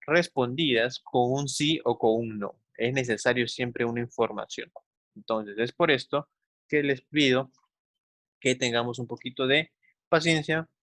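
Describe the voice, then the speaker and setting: A young adult man with a Peruvian Spanish accent teaches schoolchildren in a recorded class. He keeps a middle pitch and explains patiently, repeating words and checking in with the class. The sound is dry and close. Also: a bit bright, no echo. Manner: patient, explains slowly, repeats words, often says "entonces" and "¿no?". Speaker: English teacher. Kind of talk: recorded online class for children.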